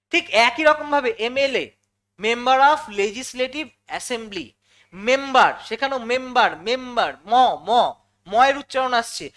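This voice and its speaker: Fast high-voiced woman teaching english grammar, repeats stuff, asks her students questions. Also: fairly bright tone. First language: Bengali. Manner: explains step by step, repeating key words and asking students questions. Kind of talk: classroom-style lesson explanation.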